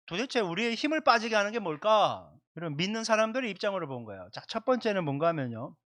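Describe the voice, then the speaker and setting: A pastor with a high, bright-ish voice and big pitch swings preaches fast at a Sunday service, emphatic and addressing his congregation directly while repeating his points. The sermon, which includes prayer, is livestreamed from the church.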